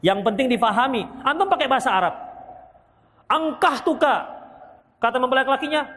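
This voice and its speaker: A man from Indonesia with a Medan Indonesian accent, a preacher giving a hadith lesson and answering questions, lively and joking as he acts out wedding vows. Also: very high-pitched, racing, a little hiss or hum. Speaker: Islamic preacher. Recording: long reverb of a hall.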